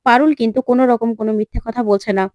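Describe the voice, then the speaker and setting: A firm young adult son who confronts his mother, as a woman narrator reads him. The voice is fairly high and dry. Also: steady tone, racing, darkish tone, dry recording, lightly acted. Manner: firm, accusing.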